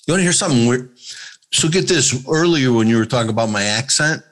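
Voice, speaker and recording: A man from Chicago talks casually as a comedian guest in an interview. He tells road stories with animated energy and slips into other people's voices when he quotes them. His voice sits at an ordinary pitch. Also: quick pace. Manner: animated storyteller acting out voices.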